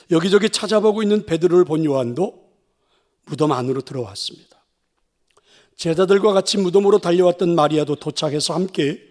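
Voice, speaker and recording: A male pastor retelling a scripture story in a sermon, dramatic and often dropping to a hush. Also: high-pitched. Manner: dramatic, dropping to hushed whispers.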